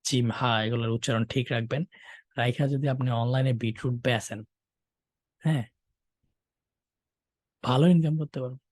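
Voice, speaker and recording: A male teacher gives an online exam-prep lesson, joking and animated and often checking in with his listeners. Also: medium pitch, normal speed, long pauses, no room sound, clean studio sound.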